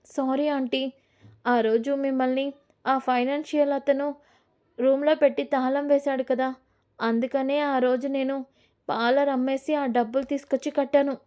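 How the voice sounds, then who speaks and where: A woman's voice: high voice, fairly even intonation, normal speed, warm tone, natural voice. A woman voicing a young daughter-in-law caught in her lies, pleading and apologizing.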